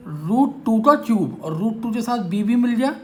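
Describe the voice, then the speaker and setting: A man's voice: very high-pitched, lively intonation, normal speed, warm tone. A male maths teacher lecturing a class, teasing and quizzing his students as he goes.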